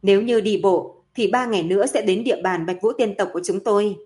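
A woman voicing a young winged fairy woman who speaks in a bright, cheerful way. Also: medium pitch, a little fast, close to an everyday voice.

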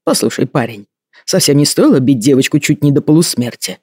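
A man reading an audiobook voices an older male clan leader who is gruff and paternal, speaking slowly in a low rumble. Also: animated, dark tone, dry recording, clean studio sound. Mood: teasing.

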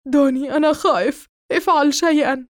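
A frightened young man, played by a woman reader, pleading and shaky in a high, thin voice. He sounds close and dry, with no room around him, as in an audiobook character reading. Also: quick pace, no echo, lightly acted. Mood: terrified. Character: frightened young man, injured, slowly vanishing.

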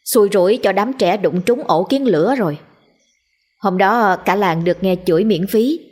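Husky-voiced woman storyteller. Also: mid-range voice, moderate pace. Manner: lively colloquial storytelling. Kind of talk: scripted story narration.

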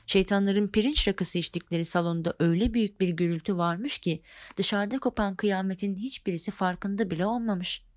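A woman narrating a fairy tale as a storybook reading, expressive and lively with the characters. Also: medium pitch, fairly quick, no room sound, studio quality.

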